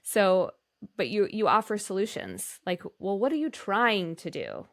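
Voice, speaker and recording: With huge pitch swings around a medium pitch and a slightly slow delivery, this woman co-hosts a podcast, chatting casually in an enthusiastic, effusive manner.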